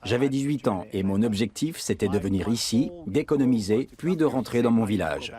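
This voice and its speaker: A man's voice: fairly low pitch, expressive, brisk, crowd noise. A man in his forties giving an earnest, heartfelt personal testimony.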